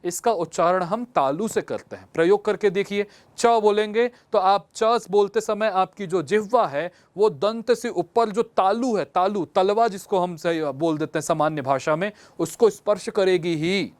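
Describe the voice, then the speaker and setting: A man's voice: sits high, normal speed, few pauses, no echo. A male teacher giving a lesson, explaining patiently step by step and repeating examples for his students. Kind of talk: classroom lesson.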